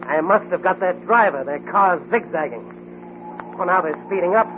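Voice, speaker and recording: Brief: an actor as a commanding, taunting masked crime-fighter, 1940s radio, tinny and hissy. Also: male voice, high voice, normal speed, close to an everyday voice. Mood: determined. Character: bold masked male crime-fighting hero. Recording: scratchy old radio recording.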